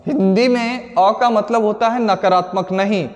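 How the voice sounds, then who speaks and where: A man's voice: high-pitched, measured pace. A young man teaching an exam-prep grammar lesson, explaining step by step and answering his own questions, stretching out example words. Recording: long hall reverb.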